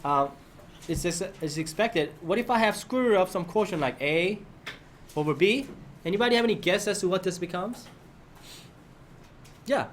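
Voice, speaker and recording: A man's voice: sits high, animated, moderate pace, pauses often, slight background noise. A man teaching a math lesson to his class, often prompting students with questions and checking that they follow.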